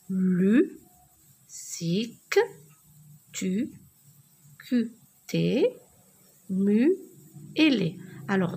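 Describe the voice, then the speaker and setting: Very slow-spoken woman teacher. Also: medium pitch, darkish tone, a little hiss or hum. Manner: slow, spelling words letter by letter; clear, deliberate teacher's diction. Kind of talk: slow French spelling and writing lesson.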